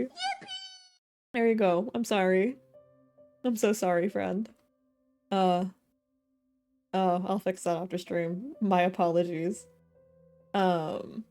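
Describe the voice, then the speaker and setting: A woman's voice: medium pitch, a little mellow. A young woman streaming a game, chatting casually and giggling as she talks to her chat. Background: faint game music.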